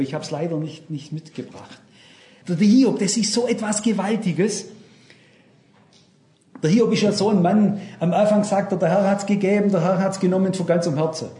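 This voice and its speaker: A man's voice: high-pitched, normal speed, long pauses, mellow, reverberant. An older man preaching a sermon, fervent and speaking straight to his congregation with questions.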